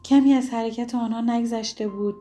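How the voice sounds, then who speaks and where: A woman reading a story aloud in steady, scripted narration. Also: a little high, soft background music.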